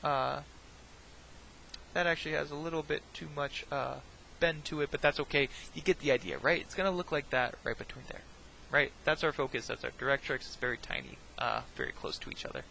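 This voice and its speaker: A man's voice: fairly high pitch, lively intonation, brisk, creaky, pushed and bright, a little hiss or hum, rough recording. A man teaching a recorded math lesson, talking each step through, often checking in with "right?" and dropping jokey, self-deprecating asides.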